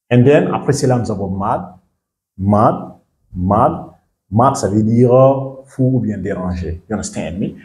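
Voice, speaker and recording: A man teaching English pronunciation in French, repeating each English word slowly and often checking whether listeners understand. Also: medium pitch, a little mellow, roomy sound. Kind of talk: language lesson.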